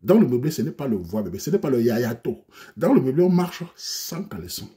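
A man's voice: mid-range voice, sing-song, a little fast, mellow. A Cameroonian man telling a comic story in a theatrical, mocking way, full of slang, with a Cameroonian French accent. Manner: théâtral, moqueur, plein d'argot. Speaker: comedic storyteller.

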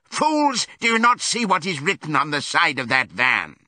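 Man acting out a frantic, high-shouting donkey. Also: huge pitch swings, moderate pace, no echo, heavily acted. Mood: furious scorn. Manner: shouting, urgent, exclamatory. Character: frantic, defiant donkey shouting alarm at fellow animals.

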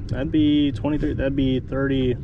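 A man's voice: mid-range voice, phone-quality sound, background noise. A man vlogging from a small fishing boat, talking to camera and coaching his girlfriend as she fights a fish. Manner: excited coaching, quick calls. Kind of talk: casual narration to camera on a boat. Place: small boat outdoors on open water. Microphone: action camera on the boat.

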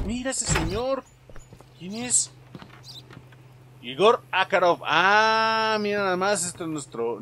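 Animated Mexican man joking through gameplay. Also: on the high side. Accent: Mexican Spanish. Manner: joking, crude slang, talks to viewers. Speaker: gaming streamer. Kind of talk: gameplay commentary.

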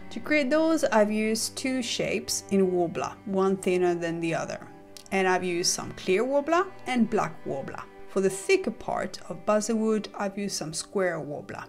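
A woman narrating a step-by-step model-making tutorial as a voice-over, calm and methodical as she explains each stage. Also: mid-range voice. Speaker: model maker explaining her build.

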